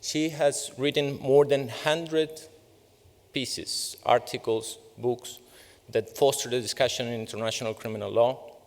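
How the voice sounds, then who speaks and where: A man's voice: mid-range voice, fairly even intonation, measured pace, darkish tone. A man hosting an event, giving a formal speech at a podium to introduce a speaker. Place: large courtroom. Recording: echoey hall with long reverb.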